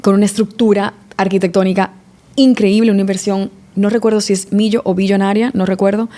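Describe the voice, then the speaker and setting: Mellow-voiced Dominican sommelier woman. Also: medium pitch, level tone, a little fast. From Dominican Republic. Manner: reflective, restarts often, eh fillers. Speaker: sommelier guest. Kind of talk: casual podcast interview.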